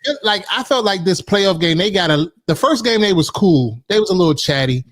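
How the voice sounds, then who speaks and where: A man's voice: sits high, expressive, a little fast, fairly bright tone, no room sound, studio quality. A man co-hosting a casual sports talk show, talking bluntly and swearing freely. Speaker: podcast co-host.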